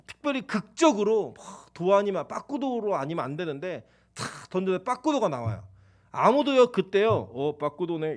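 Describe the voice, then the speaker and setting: Animated high-voiced male pastor. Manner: animated, conversational preaching with playful acted-out quotes. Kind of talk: sermon.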